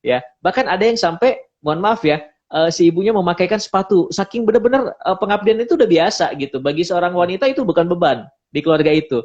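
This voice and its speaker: A man's voice: sits high, fast, darkish tone, lo-fi sound. A man giving a casual pre-marriage seminar talk, explaining points and acting out quoted speech. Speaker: pre-marriage class speaker.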